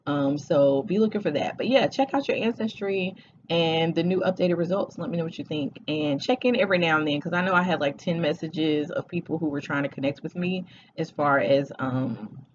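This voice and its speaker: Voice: medium pitch, brisk, dull audio, a little hiss or hum. A vlogger in their forties chatting casually to camera, talking hesitantly with many fillers and restarts. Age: 40s.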